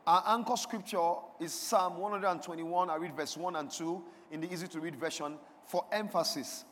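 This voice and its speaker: A male pastor with a notably high voice preaches to his congregation, calling out lines for them to repeat. He builds from quiet questions to loud, emphatic proclamations. His voice rings through the long reverb of a church sanctuary. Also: steady tone, moderate pace, slight background noise. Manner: call-and-response preaching, swells to emphatic declarations. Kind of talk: sermon. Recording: long reverb of a large hall.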